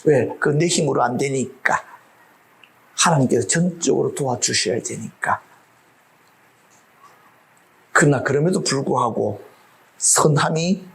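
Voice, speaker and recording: Lively, animated male preacher. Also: a little high, vocal fry. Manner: lively, humorous preaching with rhetorical questions. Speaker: pastor. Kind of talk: sermon.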